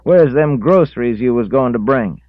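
A man voicing a bitter, scolding woman with a shrill, nagging voice, raised far above his own. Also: animated, moderate pace, dry recording, dull audio, natural voice.

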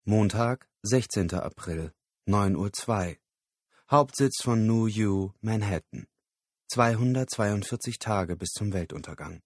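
A man reading an audiobook narration in a measured, lowered voice. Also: no echo, studio quality. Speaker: audiobook reader.

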